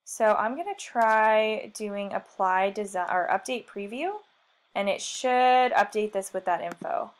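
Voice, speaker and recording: A woman leading a screen-share software tutorial as a marketing trainer, chatty and self-deprecating, thinking aloud as she clicks through. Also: mid-range voice, unhurried.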